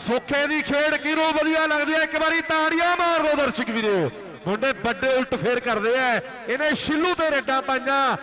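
A man with an Indian Punjab accent calls a village kabaddi tournament live in a very high, bright, forceful voice. His rural sports commentary is frantic, urging players on and repeating his phrases, and the audio quality is poor.

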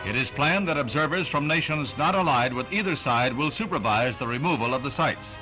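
A man's voice: medium pitch, expressive, fairly quick. A man narrating the news in an old newsreel, with a formal, dramatic announcer delivery, heard on dull lo-fi 1960s film audio. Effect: old newsreel sound. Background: music.

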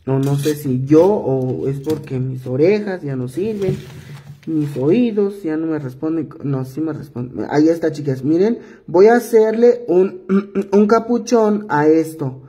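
Slow, husky-voiced man with a cough. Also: a little high, dark tone. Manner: patient, repetitive step-by-step instructing. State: hoarse from a cough. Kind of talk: hands-on craft tutorial.

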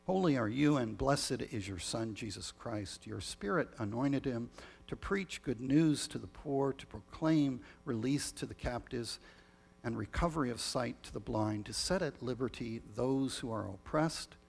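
A male pastor leading a communion liturgy in a measured, solemn way, heard with a long cathedral-like echo. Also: mid-range voice, lively intonation, gravelly, slightly rough. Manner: measured, solemn liturgical reading with small restarts. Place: church sanctuary. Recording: long reverb of a large church.

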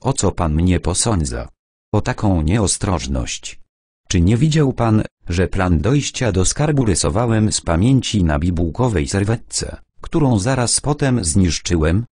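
A man doing a fussy, excitable old gentleman. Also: low-pitched, a little slow, breathy edge, dry recording, clean studio sound, exaggerated voice. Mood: indignant. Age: older. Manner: fussy and excitable, then jovial. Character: nervous, cheerful older man, treasure seeker. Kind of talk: audiobook character voice.

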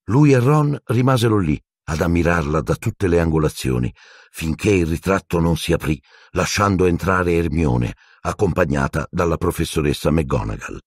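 A man narrating an audiobook with expressive, storytelling intonation. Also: deep voice, moderate pace, breathy edge, dry recording, studio quality.

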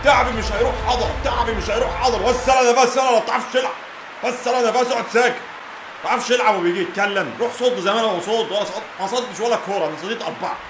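A young man with an Egyptian accent, commentating his own football video game match and shouting and pleading at the play. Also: very high voice, racing. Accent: Egyptian Arabic. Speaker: gaming YouTuber. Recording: echoey room with game music.

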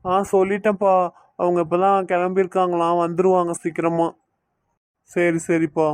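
A man's voice: sits high, monotone, normal speed, a little mellow, clean tone, no echo, close to an everyday voice. A man voicing an anxious, fearful young husband in a cartoon, worried and pleading, with a Kanyakumari Tamil accent.

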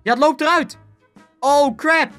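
A gaming channel host giving Let's Play commentary, excitable, often yelping and laughing, and peppering their speech with English slang. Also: high-pitched, unhurried, soft background music.

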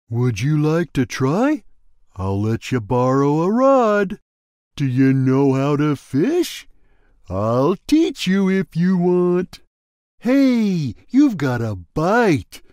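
A man voicing a big, gentle, slow-witted male cat who fishes and talks in a friendly, simple, drawn-out way for a video game. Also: a little high, wildly swooping pitch, smooth, no echo, clean studio sound, heavily acted. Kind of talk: game voice lines.

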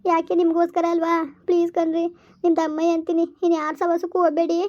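A woman plays a young village wife who pleads with her husband in a homemade drama. Her voice sits high and fast, with a flat, narrow melody. The recording sounds a little dull and lo-fi. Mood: hurt pleading. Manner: pleading, emotional. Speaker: [name]. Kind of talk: village vlog drama acting.

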